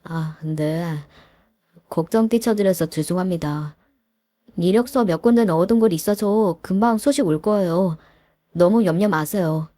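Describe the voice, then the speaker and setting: A woman's voice: lowish voice, measured pace, mellow, no room sound, clean studio sound. A woman voicing a defensive, shiftless young husband who mumbles excuses in a storybook reading. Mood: sheepish. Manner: mumbling excuses, then snapping back.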